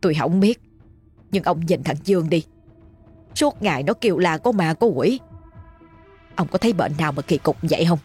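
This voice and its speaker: A woman voicing a frantic, tearful middle-aged village mother, crying out in a shrill, panicked way. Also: expressive, normal speed, pauses often, a little mellow, breathy edge, soft background music. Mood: pleading.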